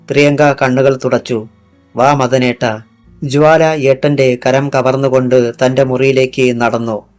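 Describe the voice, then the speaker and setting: A man narrating a crime thriller audiobook with dramatic storytelling. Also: medium pitch. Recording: faint background music.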